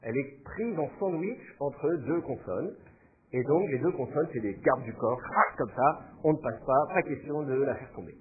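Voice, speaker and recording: A man's voice: medium pitch, lively intonation, moderate pace, phone-quality sound, crowd noise. A man teaching a class, explaining patiently and thinking aloud with fillers as he goes. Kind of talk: classroom lecture.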